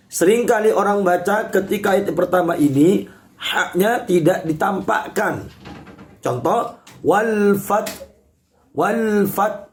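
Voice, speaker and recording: A man teaching Quran recitation rules in an online lesson, patiently explaining each point step by step. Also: high voice. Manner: addresses listeners as congregation.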